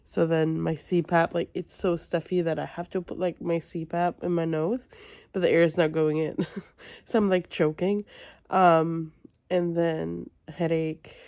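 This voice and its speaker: A woman's voice: low voice, little pitch movement, unhurried, darkish tone, no echo. A woman chatting casually in a vlog, sounding weary, groggy and stuffed up with a cold. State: sick with a cold and stuffy nose. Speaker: book vlogger.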